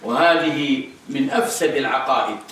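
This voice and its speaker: A man's voice: mid-range voice, normal speed, fairly bright tone, far from the mic. A man giving a religious lecture on creed, emphatic and repeating key phrases for stress. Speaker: Islamic scholar lecturing on creed. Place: mosque hall. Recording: echoey hall, voice picked up from afar.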